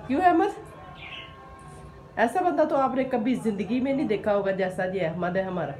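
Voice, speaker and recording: A woman with a Pakistani Urdu accent, her voice medium-pitched and animated, speaks at a moderate pace against a noisy background. She's a vlogger filming a home vlog during a power cut, teasing a toddler in a sing-song voice with playful baby-talk narration.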